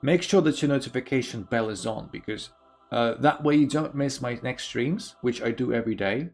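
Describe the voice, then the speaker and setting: A young man from Belarus talks to his chess stream audience through a desk mic, his voice gravelly with a little fry at the bottom. He keeps up an easy back-and-forth with the chat. Soft music plays faintly underneath. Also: medium pitch, moderate pace. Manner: chatty, reads and answers chat aloud. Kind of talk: casual live-stream chat.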